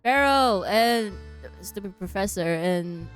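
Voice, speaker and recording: A young woman casually reacting to and reading aloud from a story game, slangy and excitable. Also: medium pitch, takes it slowly, faint music behind. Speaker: gaming streamer.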